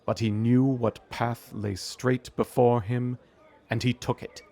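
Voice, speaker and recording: A man narrating a storybook audio drama in a measured storytelling manner. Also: mid-range voice, level tone, mellow. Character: omniscient storybook narrator of a Christmas tale.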